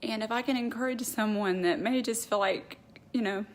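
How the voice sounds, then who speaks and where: A woman's voice: on the high side, moderate pace. A woman talking casually and earnestly to her viewers on a live stream, confiding her thoughts and reading a heartfelt prayer aloud. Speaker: faith vlogger. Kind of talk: casual devotional talk to viewers.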